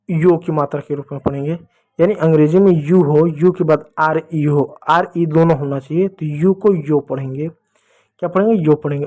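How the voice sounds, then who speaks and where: A man's voice: on the high side, a little mellow. A man teaching English phonics to children, patiently repeating each step with questions. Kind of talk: blackboard phonics lesson for children.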